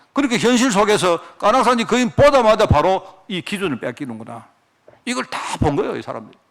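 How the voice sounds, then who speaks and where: A man's voice: sits high, gravelly. A male pastor preaching a sermon, firing off rhetorical questions as he goes.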